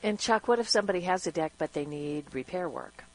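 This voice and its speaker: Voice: mid-range voice, fast talker, rough recording. Radio co-host asking short questions. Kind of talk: casual radio interview.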